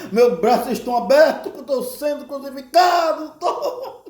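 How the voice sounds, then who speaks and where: A high, strained, shouting Jesus, fed up and exasperated, as a man puts him on. The voice cracks upward in complaint. It rings in an echoey room. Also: big pitch swings, a little slow, heavily acted.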